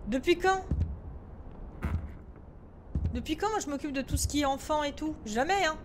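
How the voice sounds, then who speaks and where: High-voiced jumpy woman gaming. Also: expressive, moderate pace, noisy background. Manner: swears a lot, talks to herself, mixes in English words; jumpy and easily irritated. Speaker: streamer playing a horror game. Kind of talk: live gaming commentary.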